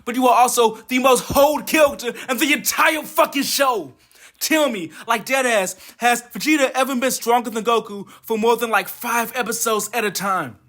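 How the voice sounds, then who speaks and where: Man, extremely high voice, bright and forceful, exasperated comedic commentary, profane, mocking. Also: moderate pace. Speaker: video essayist. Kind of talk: comedic anime commentary rant.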